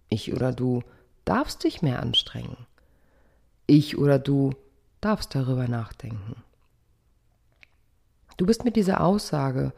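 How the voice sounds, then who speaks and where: A coach speaking in a calm, thoughtful podcast monologue, often posing rhetorical questions to listeners. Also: mid-range voice, creaky.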